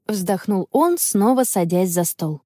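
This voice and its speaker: A woman narrating a children's audiobook in a clear, expressive reading style. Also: medium pitch, measured pace, dry recording, studio quality. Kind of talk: scripted storybook narration.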